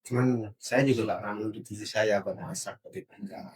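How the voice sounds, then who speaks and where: A middle-aged man with a husky, slightly rough voice chats casually about married life. He talks plainly and frankly and wanders from point to point. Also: fairly low pitch, fairly quick, darkish tone. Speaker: married guest. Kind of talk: casual chat.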